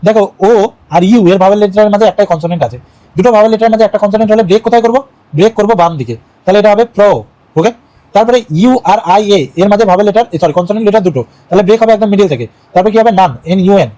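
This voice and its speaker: Fast, repetitive Bengali teacher, high voice. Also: male voice, warm tone, poor audio. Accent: Bangladeshi Bengali. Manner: repeats key phrases, quizzes the viewer. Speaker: English pronunciation teacher. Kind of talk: online lesson.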